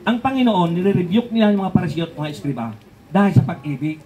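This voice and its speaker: High-voiced older man preaching. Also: expressive, quick pace, mellow, low-quality recording. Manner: conversational preaching with rhetorical questions and chuckles. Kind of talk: sermon.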